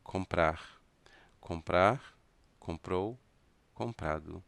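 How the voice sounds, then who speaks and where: A man with a Brazilian Portuguese accent teaching an English grammar lesson, speaking deliberately and spelling words out letter by letter. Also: low voice, creaky, fairly bright tone, no room sound.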